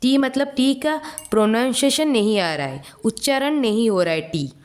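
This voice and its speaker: A woman's voice: a little high, lively intonation, normal speed. A woman teacher, giving an exam-prep English lesson and sounding out each letter one by one.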